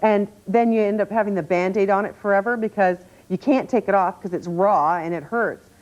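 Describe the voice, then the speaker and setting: On dull, lo-fi TV audio, a woman demonstrates a product for home shopping, explaining insistently and repeating key words for emphasis. Her medium-pitched voice is brisk and a little mellow.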